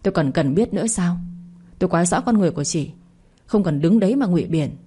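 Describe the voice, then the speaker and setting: A woman voicing a sharp-tongued mother-in-law who scolds and accuses. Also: lowish voice, animated, fast, slightly rough. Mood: angry.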